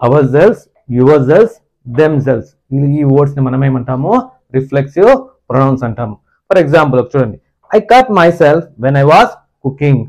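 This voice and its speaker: A man with a Telugu accent teaching English grammar. He reads English definitions slowly and deliberately, then explains quickly and asks the class questions. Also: a little high, a little mellow, muffled recording. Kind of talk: classroom-style grammar lesson.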